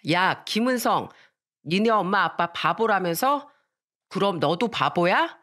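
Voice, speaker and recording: A woman's voice: medium pitch, lively intonation, measured pace, fairly bright tone. A woman voicing a nine-year-old boy who taunts and mocks. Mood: taunting. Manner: mocking, taunting.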